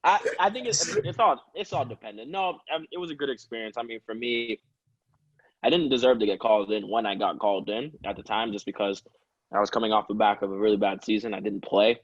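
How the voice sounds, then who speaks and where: A professional soccer player in his early twenties chats casually as a guest in an interview, relaxed, rambling, and laughing a lot. His voice is on the low side and fairly quick, and the recording is dry and dull.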